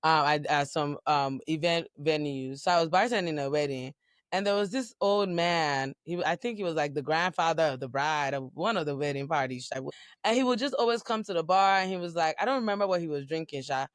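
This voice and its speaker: A woman from Nigeria, a guest on a podcast, chatting casually and telling lively stories while acting out what people said. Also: low-pitched, a little fast, dry recording, studio quality. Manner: lively storyteller who acts out quoted speech. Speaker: guest, content creator and bartender. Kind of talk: casual conversation.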